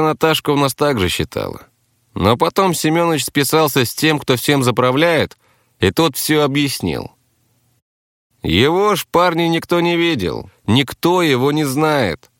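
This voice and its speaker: A coarse, defiant captive thug who swears constantly and talks down to everyone, as a male narrator puts him on. His voice sits noticeably higher than the narrator's own and swings widely in pitch. The recording is dry and close, with no room sound. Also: a bit bright, no echo, exaggerated voice. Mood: confiding. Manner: coarse, swearing, blustering, addresses others as brother. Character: crude defiant male captive gang fighter.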